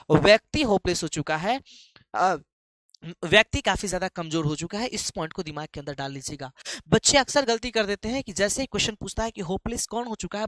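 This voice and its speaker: Playful teacher. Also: male voice, high voice, no echo. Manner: chatty, playful, calls students beta. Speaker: English teacher. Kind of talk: live online class lecture.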